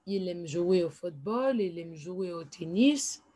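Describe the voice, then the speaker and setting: A woman teaching in a slow, patient classroom explanation, repeating each phrase and adding English asides. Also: lowish voice, expressive, warm tone, slight background noise. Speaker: French teacher.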